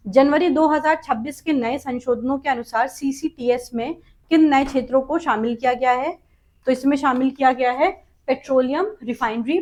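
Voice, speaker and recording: A woman teaching a spoken exam practice lesson, reading out questions and options and then explaining each answer. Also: high voice. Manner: drawn-out sounding-out of vowels and terms.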